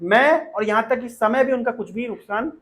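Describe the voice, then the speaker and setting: High-voiced male preacher leading devotional talk. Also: expressive, normal speed, a bit bright. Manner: explanatory, asks the audience questions and leads call-and-response recitation. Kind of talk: devotional talk with verse chanting.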